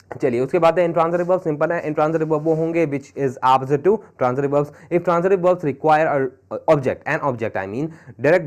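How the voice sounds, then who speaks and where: A man's voice: fairly high pitch, a little mellow. A man with an Indian English accent teaching an exam-prep grammar lesson, switching between Hindi and English and asking the class questions. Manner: mixes Hindi and English, repeats questions to students.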